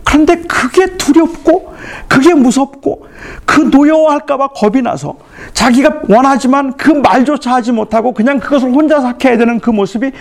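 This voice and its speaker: A man's voice: very high voice, vocal fry. A middle-aged male pastor giving a retreat sermon, telling family stories and acting out the dialogue. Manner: storytelling, acts out family dialogue.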